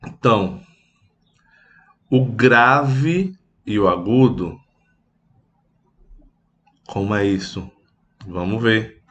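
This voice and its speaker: A man's voice: fairly low pitch, fairly bright tone. A Brazilian man teaching a children's music lesson, patient and simple, mooing like a cow and strumming a guitar to show sounds. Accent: Brazilian Portuguese. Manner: slow, patient, with animal sound imitations; plays guitar while explaining.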